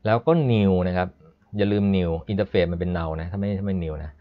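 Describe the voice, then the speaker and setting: In a live-streamed coding lesson, a deep-voiced male programming instructor keeps a steady tone. He is chatty and explanatory, pausing to read code aloud slowly. The stream audio is dull and lo-fi.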